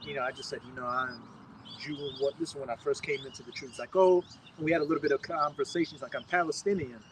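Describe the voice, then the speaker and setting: A man reading scripture verses slowly outdoors and telling a casual story in between. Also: a little high, steady tone, slight background noise, low-quality recording. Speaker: scripture reader at a street camp. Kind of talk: street preaching.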